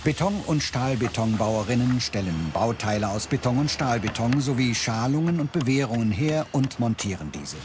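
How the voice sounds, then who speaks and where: A man delivering clear, measured scripted narration for a documentary. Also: mid-range voice, animated, background noise.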